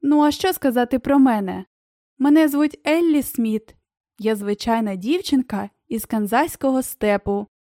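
A woman's voice: a little high, normal speed, dry recording, studio quality, natural voice. Woman doing a spirited young girl, Ellie. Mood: plain. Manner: spirited, sharp-tongued. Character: brave outspoken young girl.

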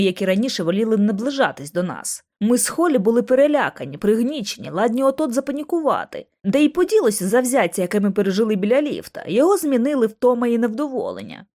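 Woman audiobook narrator, first person, animated pitch, a bit high. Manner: lively, expressive reading.

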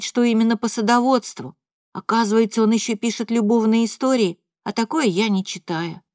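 A woman reading a first-person audiobook in a quiet, even storytelling voice. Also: medium pitch, no echo, clean studio sound. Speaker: audiobook reader.

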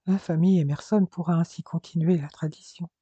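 A woman's voice: lowish voice, steady tone, fairly quick, dark tone, breathy edge, no echo, dull audio. A man voicing a tender young mother who is dying, speaking in a faint, breathless murmur.

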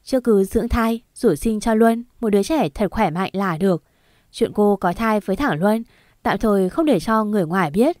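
A woman voicing a cool, calm young gentleman who reassures a servant. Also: medium pitch, normal speed, no echo, studio quality, natural voice.

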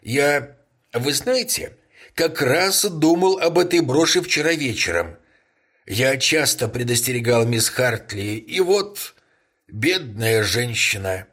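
A man's voice: mid-range voice, expressive, takes it slowly, a bit bright, pitched above the performer's own voice. A man voicing an agitated middle-aged male solicitor who exclaims in shock and fusses nervously. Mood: flustered. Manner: shaken, exclaiming, fussy.

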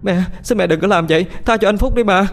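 A man doing a high begging young woman. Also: fast, creaky, soft background music. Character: young woman, villain's pleading daughter.

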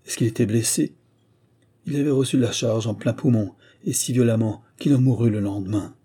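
Guy reading an old story, really dark mellow voice, slow and steady. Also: lowish voice, slightly rough. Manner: measured, storytelling. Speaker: audiobook reader. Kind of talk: scripted literary narration.

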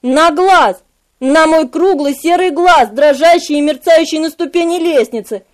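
High-voiced woman narrating an audiobook. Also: a little slow. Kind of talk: scripted first-person narration.

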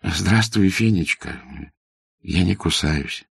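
A man's voice: sits low, steady tone, measured pace, vocal fry, slightly rough, dry recording, studio quality, exaggerated voice. A man voicing a kindly, shy middle-aged landowner in a storybook reading, speaking mildly. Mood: gentle.

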